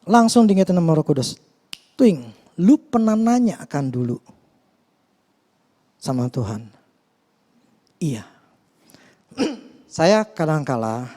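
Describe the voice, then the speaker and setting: Male pastor, earnest and confessional, mid-pitched mellow voice, chatty sermon delivery. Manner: conversational, hesitant with many fillers and restarts.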